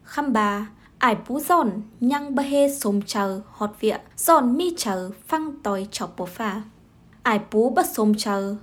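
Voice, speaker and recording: A woman with a husky voice narrating a story in a steady telling manner. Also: on the high side.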